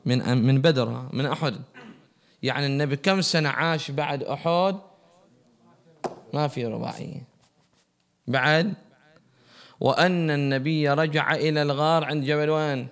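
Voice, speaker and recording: A man's voice: fairly high pitch, normal speed, pauses often, a bit bright. A man giving a religious lesson, asking his class questions and answering them himself. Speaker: religious teacher.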